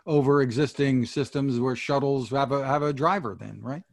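Dry, wry news-reading host. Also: male voice, medium pitch, normal speed, no room sound. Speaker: podcast host.

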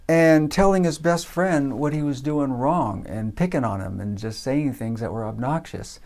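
A man telling a personal story in a relaxed, casual way, with frequent fillers. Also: medium pitch. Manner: relaxed, many uh fillers, acts out voices in quotes.

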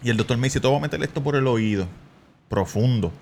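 A man's voice: medium pitch, fast talker, slight background noise. A man with a Puerto Rican accent, co-hosting a podcast and telling a story with lots of acted-out quotes. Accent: Puerto Rican Spanish. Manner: animated storyteller, acts out quotes, bursts into laughing shouts. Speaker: podcast co-host. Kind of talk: casual storytelling chat.

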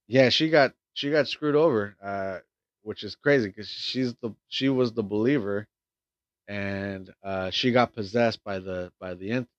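A man's voice: fairly low pitch, no room sound, lo-fi sound. A man casually recapping a film in a rambling way, swearing freely and stumbling through lots of fillers and restarts. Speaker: film reviewer.

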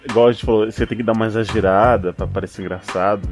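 A man's voice: lowish voice, steady tone, fast talker, music in the background. A man with a Brazilian Portuguese accent from São Paulo, chatting casually and rambling with lots of slang. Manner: rambling, repeating himself, heavy on slang fillers.

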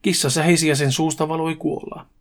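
A man hosting a podcast, reading a crude comic horror story aloud in a brisk, casual way. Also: a little high, flat delivery. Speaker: podcast host.

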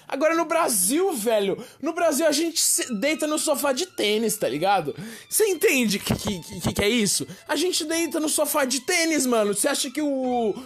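A Brazilian woman ranting in a slangy, exasperated comic monologue to her viewers. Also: sits high. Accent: Brazilian Portuguese. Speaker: vlogger. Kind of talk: slangy comic rant to camera.

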